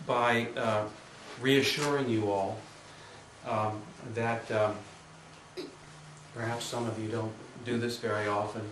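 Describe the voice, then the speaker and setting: A man giving a live poetry reading, introducing his poems with many hesitations and reading them slowly and deliberately. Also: lowish voice, steady tone, fairly bright tone, a little hiss or hum. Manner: hesitant, filler-heavy introductions; slow, measured reading. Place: room at a live reading with an audience. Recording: roomy, distant mic with faint ambience.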